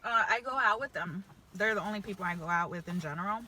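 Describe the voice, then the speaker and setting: Young woman, bright voice, casual storytime, chewing while talking, slangy and chatty, faint background noise. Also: medium pitch, fast. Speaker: vlogger.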